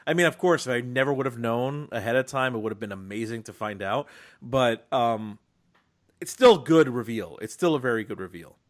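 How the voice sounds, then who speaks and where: A young man co-hosting a film podcast, talking casually and excitedly about a favorite movie, with frequent restarts and quoted lines. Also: mid-range voice, brisk. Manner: animated, quoting film lines, many restarts. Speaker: podcast co-host.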